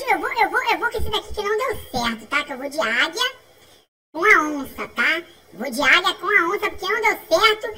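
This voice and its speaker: A Brazilian woman calls out a mobile race game as she plays, in a very high, sharply bright voice. She talks in quick repeated bursts and often breaks into laughs and shouts. Her voice sounds a little distant from the microphone. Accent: Brazilian Portuguese. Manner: excitable, chatty, repeats phrases, frequent laughs and shouts. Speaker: gaming channel host.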